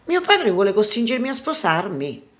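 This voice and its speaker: Jasmine the storybook princess, as a woman reads her lines, raised higher than the narration, lifted and a bit louder, sweet and earnest, with a warm, soft edge and a young, kind spirit. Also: very animated, normal speed, close to an everyday voice. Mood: gentle.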